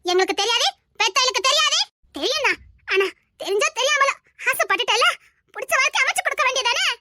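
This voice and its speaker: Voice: very high-pitched, lively intonation, quick pace, noisy background. A performer voicing a stubborn young woman in love in a homemade family drama, with a Tirunelveli accent. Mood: defiant. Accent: Tirunelveli Tamil. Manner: stubborn, pleading.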